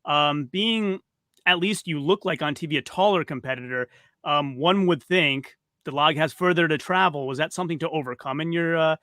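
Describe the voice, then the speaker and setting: Guy hosting a chill video call chat, bright tense voice, pitched up a bit, friendly rambling. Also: moderate pace, dry recording, clean studio sound. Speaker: podcast host. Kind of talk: casual interview chat.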